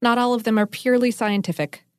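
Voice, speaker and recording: A woman's voice: a little high, fast talker, clear, resonant tone, no room sound, clean studio sound. A woman co-hosting a podcast, explaining food history and science in a chatty, enthusiastic way with lots of asides. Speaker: podcast co-host.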